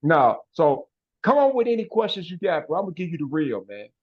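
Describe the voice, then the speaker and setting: A man's voice: on the high side, very animated, fairly quick. Emphatic man, dull lo-fi sound. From west side of Chicago. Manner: emphatic, ends phrases with "man" and "bro". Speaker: guest. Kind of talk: casual interview talk.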